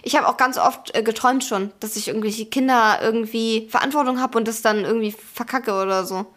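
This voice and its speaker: A woman's voice: on the high side, fairly even intonation, a little fast, a bit bright. A young woman co-hosting a casual podcast with her partner, telling stories with lots of giggling and acted-out dialogue. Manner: giggly storyteller, acts out dialogue. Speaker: podcast co-host. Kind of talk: casual couple chat.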